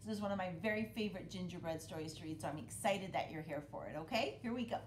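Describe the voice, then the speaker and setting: A middle-aged woman reads a picture book aloud to children in a dramatic, expressive storytelling style, pausing and gasping for effect. She's indoors in a living room by a brick fireplace, recorded by a camera a short distance away. The home recording sounds roomy and has a rumbling noise.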